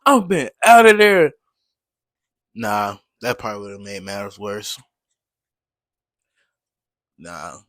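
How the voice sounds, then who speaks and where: A man's voice: on the low side, very animated, slow, long pauses, fairly bright tone, dry recording, studio quality. A man giving casual, slangy, amused reaction commentary. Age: adult past early twenties. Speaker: reaction host.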